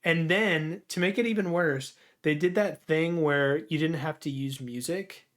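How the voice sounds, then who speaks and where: Young man with a slightly high voice, grumbling casually. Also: a little slow, fairly bright tone. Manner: laid-back, says "like" and "dude" a lot, grumbling opinions. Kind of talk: casual chat.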